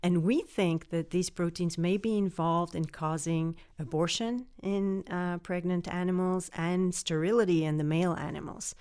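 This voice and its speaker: A woman's voice: on the low side, normal speed, few pauses, smooth. Portuguese-raised woman explaining research. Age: middle-aged. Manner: earnest explanatory, excited about research. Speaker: microbiology researcher, guest. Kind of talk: interview answers.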